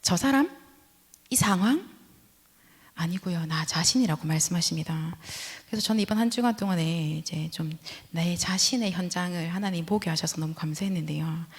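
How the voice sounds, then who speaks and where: Woman, sermon, husky voice, soft whispered asides, long church-hall reverb. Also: fairly low pitch, moderate pace. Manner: lively, rising and falling delivery with soft whispered asides. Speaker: preacher. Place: church sanctuary.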